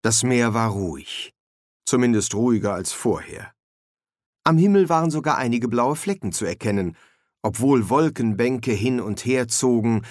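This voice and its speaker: A man narrating a comic fantasy audiobook in a measured, expressive reading. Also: mid-range voice, no room sound, clean studio sound. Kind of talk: scripted narration.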